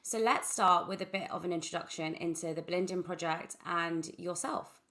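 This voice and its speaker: A woman's voice: lowish voice, moderate pace, a bit bright, a little hiss or hum. A young woman hosting a podcast, speaking enthusiastically as she welcomes and questions her guest. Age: young adult. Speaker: podcast host. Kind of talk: casual interview conversation.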